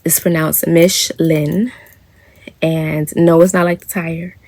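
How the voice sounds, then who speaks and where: A woman talking to camera about her spiritual practice in a soft, meandering way, with many fillers and small laughs. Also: low voice, flat delivery, normal speed, no room sound. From United States. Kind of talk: casual reflective vlog monologue.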